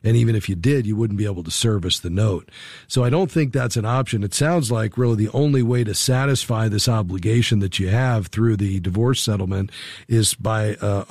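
A man hosting a call-in advice show, explaining things calmly and step by step into a studio microphone. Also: on the low side, dry recording. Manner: calm, measured, explaining step by step. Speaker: radio host, financial advisor.

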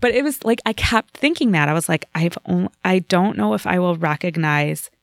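A woman in casual podcast chat, telling a story in an animated way and acting out the lines of the people in it. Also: fairly low pitch, normal speed, no room sound, studio quality. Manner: animated storytelling with voiced quotes.

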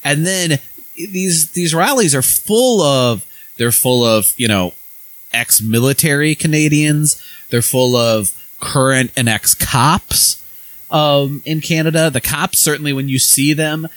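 A man's voice: fairly high pitch, measured pace, fairly bright tone, no room sound, low-quality recording. An American man co-hosting a podcast, talking politics bluntly with plenty of swearing and restarts. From United States. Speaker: podcast co-host. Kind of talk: casual political chat.

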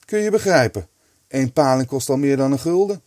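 Man voicing a kind loyal boy, gentle and plain, dry close sound. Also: mid-range voice, lively intonation, normal speed, dry recording, lightly acted.

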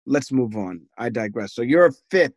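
A man's voice: medium pitch, lively intonation, moderate pace, dry recording, clean studio sound. A man in casual, opinionated podcast chat, often acting out imagined thoughts and questions. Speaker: podcast host.

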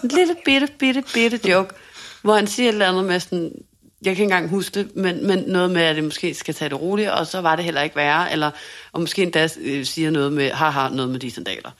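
A woman co-hosting a podcast, telling a story in a lively, self-mocking way and acting out what people said. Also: deep voice. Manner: animated, self-mocking storytelling with quoted dialogue. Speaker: podcast co-host. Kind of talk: casual storytelling chat.

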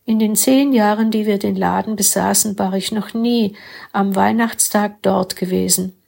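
A woman reading a first-person story aloud with calm, steady narration. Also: medium pitch, moderate pace, creaky, breathy edge. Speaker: story reader.

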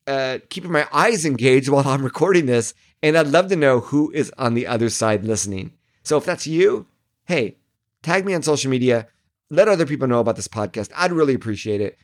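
A middle-aged man hosting a solo podcast as a marketing coach, talking directly to listeners from his home office in a friendly coaching tone, his voice a little worn. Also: a little high. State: slightly losing his voice.

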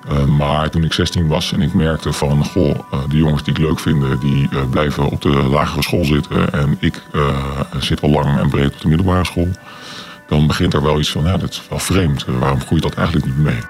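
Deep pitch-shifted, disguised man's voice. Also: fairly even intonation, faint music behind. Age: 40s. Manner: hesitant, many filler sounds, slow and deliberate. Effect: voice disguised with a deep pitch-shift distortion. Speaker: anonymous interviewee. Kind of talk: radio interview.

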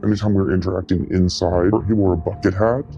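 A man's voice: fairly even intonation, fast, creaky, warm tone, muffled recording, soft background music. A man recounting what he saw in an interview, his voice altered to disguise his identity. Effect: voice altered and pitched down to hide his identity. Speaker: listener giving a tip. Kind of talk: recalled interview recollection.

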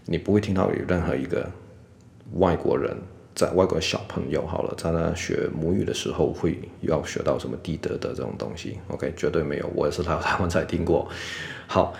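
A man teaching English pronunciation in a casual video lesson, dropping "OK" all the time, slowing down to demonstrate and repeat sounds. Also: deep voice, vocal fry, a little mellow. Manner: sprinkles "OK" and English asides constantly. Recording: echoey room.

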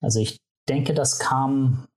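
A man's voice: medium pitch, fairly even intonation, darkish tone, rough recording. Male interviewee, native English speaker with North American accent in German. Hesitant, thinking as he explains. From Canada. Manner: hesitant, halting phrasing. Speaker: university vice president, interview guest. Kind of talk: spontaneous interview answers.

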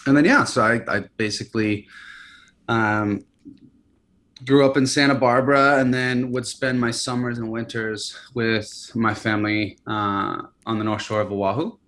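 A company founder in his early thirties, from California and Hawaii, speaks in a mid-range voice at a measured pace. He's relaxed but hesitant in this casual interview, full of fillers and restarts.

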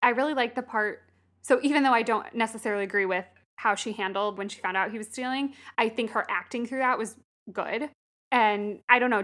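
A woman co-hosting a casual movie discussion podcast, conversational and quick to agree. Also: medium pitch, fairly bright tone. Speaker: podcast co-host.

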